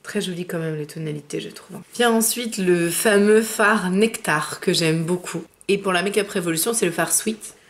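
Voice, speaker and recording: Chatty woman reviewing makeup. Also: fairly low pitch. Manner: chatty, fillers, slows down when naming shades. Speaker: beauty vlogger.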